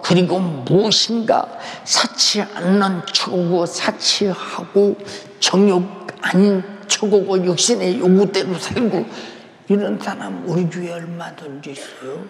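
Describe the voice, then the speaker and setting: An older male pastor delivers a fervent sermon with a high-set voice and a gravelly edge. He swings between loud declarations and hushed near-whispers. The sound rings through a large church sanctuary with a long reverb tail. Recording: echoey hall with long reverb.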